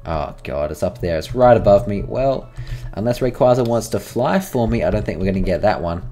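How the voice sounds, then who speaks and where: A man's voice: lowish voice, expressive, a little fast, dark tone, soft background music. A man, rambling chattily through let's-play game commentary and talking to his in-game creatures. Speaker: gaming channel host.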